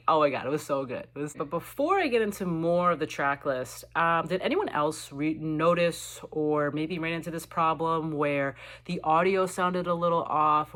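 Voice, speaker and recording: A woman chatting excitedly as a vlogger, reviewing a show in casual commentary with lots of fillers. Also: deep voice.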